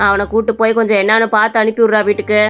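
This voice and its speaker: A woman's voice: medium pitch, monotone, very fast, a bit bright, clean tone, faint music behind, close to an everyday voice. A woman voicing a stern but kind male quarry boss in a cartoon story, who scolds and then reassures. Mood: reassuring.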